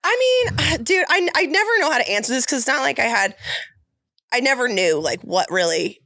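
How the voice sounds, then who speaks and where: A young woman from Wyoming talks casually as a podcast guest, blunt and quick to laugh. Her pitch swings widely, and there is a gravelly fry at the ends of her phrases. The sound is dry and close. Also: animated, sharp tone, no room sound. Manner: blunt, laughing, swears freely. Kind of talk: casual chat.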